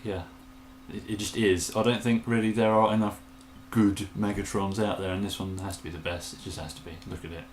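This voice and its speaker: A man chatting enthusiastically in a casual show-and-tell vlog, with bursts of excitement. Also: on the low side, brisk, roomy sound, slight background noise. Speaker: toy collector vlogger.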